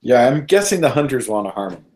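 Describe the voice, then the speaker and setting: A man playing a tabletop game chats and jokes with the table in a casual way. His voice sits at a middling pitch. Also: sing-song, fast talker, darkish tone. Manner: chatty, joking. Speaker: player.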